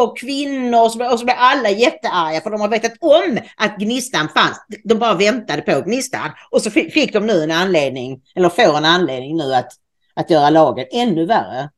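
A woman co-hosting a casual news commentary podcast, musing speculatively and often restarting her sentences. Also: a little high. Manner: speculative, stumbles and restarts mid-thought. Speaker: podcast co-host.

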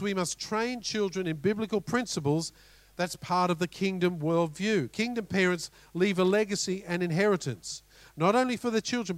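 A middle-aged Australian man preaching a sermon as pastor, animated, with rhetorical questions and storytelling asides. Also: sits high, no echo.

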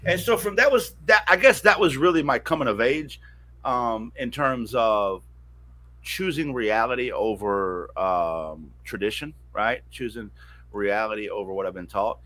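A man's voice: medium pitch, expressive, unhurried, sharp tone. A man telling a personal story as an interview guest, candid and profane, often restarting sentences. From American South, mountains.

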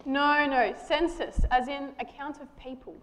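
A woman's voice: high-pitched, fairly even intonation, unhurried. A woman, patiently talking with a puppet in a children's church show. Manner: patient, gently correcting.

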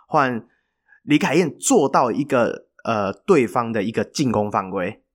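A man, co-hosting a podcast and telling a story in a chatty, animated way with filler pauses. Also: mid-range voice. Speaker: podcast co-host. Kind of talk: casual storytelling chat.

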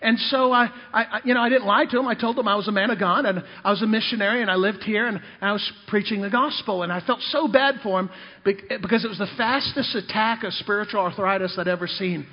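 A high-voiced man talks quickly as he preaches, a missionary sharing comic stories from his own experience and calling out to the congregation. The recording is dull and lo-fi, made in a reverberant hall.

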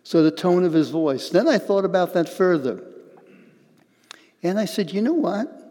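An older man preaching a sermon as pastor, earnest and halting, often repeating words as he goes. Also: high voice, animated, dark tone, in a large hall.

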